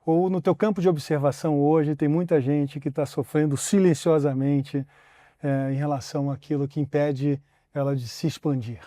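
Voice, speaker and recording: Man from Brazil, podcast host, very mellow tone, slightly high voice, dry sound. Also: steady tone, moderate pace, dry recording. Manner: reflective questions, brief affirmations. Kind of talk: interview conversation.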